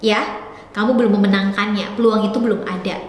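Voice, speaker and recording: A woman teaching English grammar on a live stream. She talks fast, switches between Indonesian and English, and calls her viewers by pet names. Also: mid-range voice, fairly even intonation, very echoey, long reverb tail. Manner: calls viewers "sayang" affectionately.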